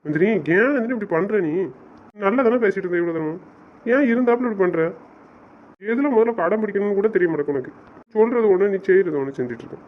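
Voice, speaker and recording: A man's voice: high-pitched, expressive, quick pace. A man voicing a patient but exasperated young man coaxing his fiancée. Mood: frustrated. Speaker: voice actor. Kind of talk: audio drama acting. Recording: dull lo-fi sound with faint noise.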